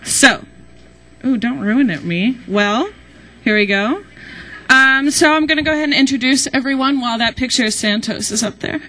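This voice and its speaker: Introducing a group to an auditorium, this student presenter, a young woman from Nashville, Tennessee, in the United States, ad-libs in a chatty, informal way full of "y'all." Her high, pushed, bright voice keeps a moderate pace over slight background noise.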